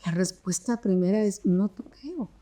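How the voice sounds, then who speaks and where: A woman hosting a podcast interview, speaking with empathy in drawn-out phrases. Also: medium pitch, warm tone. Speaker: podcast host. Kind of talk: interview conversation.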